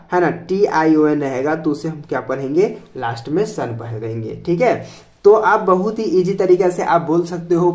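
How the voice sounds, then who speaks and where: A man's voice: on the high side, darkish tone. A man teaching pronunciation to students in a voice-over lesson, speaking, patiently repeating each point and spelling words out letter by letter. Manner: patient, repeats each point with "theek hai" and quiz-like questions.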